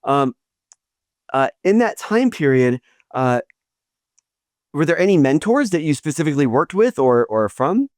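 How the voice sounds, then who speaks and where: A middle-aged man hosts the conversation in a somewhat high voice, recorded dry and near. He talks admiringly, often stopping to restart his sentences. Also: very animated, measured pace, pauses often, no echo. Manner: admiring, with frequent restarts and filler words. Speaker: podcast host. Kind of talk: interview conversation.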